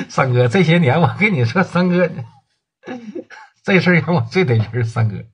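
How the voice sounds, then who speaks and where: A man with a Northeastern Mandarin accent voicing an excitable male rural tough who talks with a raised voice. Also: fairly high pitch, normal speed, husky, full character voice. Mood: delighted. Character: excitable male quarry-owning tough, easily stirred.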